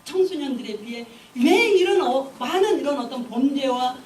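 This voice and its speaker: High, lively woman preaching in an echoey hall. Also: moderate pace, far from the mic, a little hiss or hum. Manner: animated storytelling, exhorting. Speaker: evangelist. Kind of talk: sermon. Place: church.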